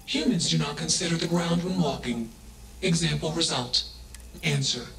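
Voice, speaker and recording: Juno, a flat emotionless ship AI. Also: male voice, fairly high pitch, normal speed. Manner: clipped, monotone, labels each statement. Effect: synthetic, echoing machine voice. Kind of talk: video game dialogue. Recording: echoey room with game music.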